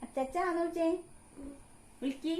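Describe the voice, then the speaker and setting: A mother with a Kerala Malayalam accent, talking in a home vlog. She coaxes her young son in a sing-song voice and calmly explains things to the viewers. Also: extremely high pitch, normal speed, a little hiss or hum. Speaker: mother of the vlog's child. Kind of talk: casual home vlog talk with her child.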